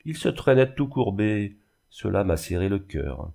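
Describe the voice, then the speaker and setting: A man voicing a tender-hearted young woman in a reading of a classic novel, speaking gently and with feeling. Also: fairly low pitch, sing-song, a little slow, creaky, exaggerated voice. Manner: pleading, emotional.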